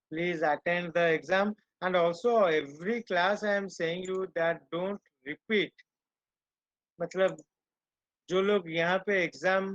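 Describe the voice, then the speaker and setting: High-voiced slow teacher. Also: male voice, a bit bright, no echo. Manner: slow and deliberate, switching between Hindi and English, scolding the students. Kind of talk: online class lecture. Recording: dull lo-fi online call audio.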